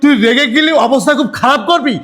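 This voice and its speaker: A man's voice: extremely high pitch, quick pace, soft background music. A man playing a furious taunting husband. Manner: shouting, taunting, repeated "ei" interjections. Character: angry man posing as sweeper, the returned husband. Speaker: actor in a short film. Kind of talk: melodramatic short film acting.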